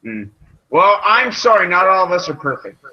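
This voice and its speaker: A man's voice: high voice, very animated, moderate pace, dull audio. A man chatting casually as a podcast guest, with a dry, wry manner. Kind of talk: casual chat.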